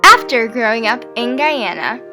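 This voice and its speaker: A young woman from Arkansas narrates from a script in a fairly high, lively voice that rises and falls a lot. Her delivery is earnest and read-aloud, with clear music playing under her. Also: normal speed. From Arkansas, USA. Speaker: documentary narrator.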